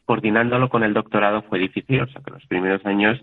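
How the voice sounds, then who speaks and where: Spanish guy chatting on a call, lowish voice, tinny phone sound, keeps restarting sentences. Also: steady tone, quick pace, soft background music. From Spain. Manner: chatty, with frequent restarts and quoted dialogue. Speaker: interview guest. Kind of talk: casual interview talk.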